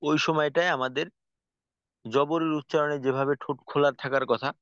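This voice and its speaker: A man teaching Quranic pronunciation, patiently demonstrating each sound by repeating it slowly. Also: on the high side, fairly even intonation, a bit bright, clear, resonant tone, no room sound, lo-fi sound. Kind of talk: spoken lesson on pronunciation.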